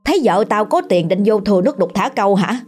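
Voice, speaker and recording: A woman's voice: medium pitch, expressive, fast, a little mellow, slightly rough, soft background music. A woman voicing an angry, abusive middle-aged father who curses, with a Southern Vietnamese accent. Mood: furious. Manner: snarling, cursing.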